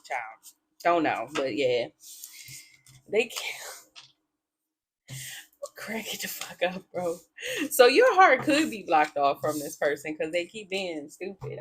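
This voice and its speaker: A woman's voice: low-pitched, a little hiss or hum. A woman giving a casual tarot reading to her viewers, blunt and profane, often breaking into laughter. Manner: talks straight to her viewers. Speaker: tarot reader.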